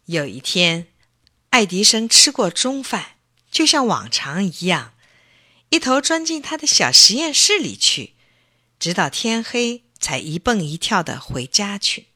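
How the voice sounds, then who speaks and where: A woman in her sixties narrating a children's story in a slow, expressive reading. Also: mid-range voice, dry recording, clean studio sound. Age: 60s.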